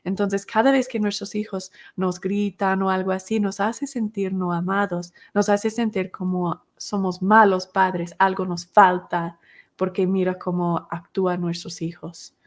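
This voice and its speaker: A woman's voice: mid-range voice, little pitch movement, unhurried. A woman, teaching a recovery class podcast and explaining each step with rhetorical questions.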